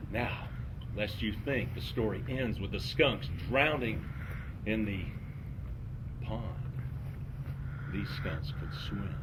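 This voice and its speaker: A man telling a dramatic campfire story theatrically, swinging from hushed tones to shouting. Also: mid-range voice, noisy background.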